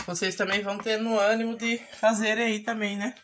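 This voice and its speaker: A middle-aged Brazilian home vlogger and mother speaks a little fast in a flat, mid-range voice while doing chores, with a crowd audible in the background. Her casual chat rambles and repeats, often ending with a checking tag, and the small indoor room has clear household noise and handling clicks.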